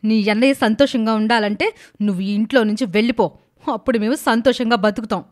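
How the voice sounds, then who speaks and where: A woman's voice: a little high, a little fast, lightly acted. A woman voicing a cruel, shrewish young village wife in a cartoon story, scolding harshly. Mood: scornful.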